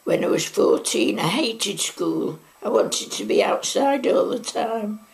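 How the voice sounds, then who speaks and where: An elderly Mancunian woman in her nineties, recorded at home on a lapel mic as she recounts her past. Her voice is gravelly and swings widely in pitch. She talks in a chatty, wandering way full of side remarks. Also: expressive, measured pace. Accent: Mancunian English. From Manchester, England. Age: 90s. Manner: chatty, rambling reminiscence with frequent asides. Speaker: interviewee. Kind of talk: oral history recollection. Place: living room at home.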